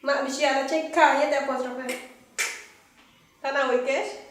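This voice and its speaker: A woman's voice: sits high, steady tone, a little hiss or hum. Young woman teaching, echoey and distant. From Yucatán, Mexico. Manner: halting, with many fillers. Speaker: language teacher. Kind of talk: teaching lesson. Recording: echoey room, far from mic.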